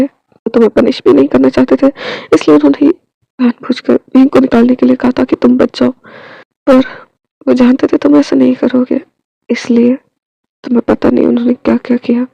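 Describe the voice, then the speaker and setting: A kind male relative, voiced by a woman reading aloud, calmly explaining and reassuring in a mellow, gravelly voice. The reading sounds dry and close. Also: on the high side, no room sound, dull audio, exaggerated voice.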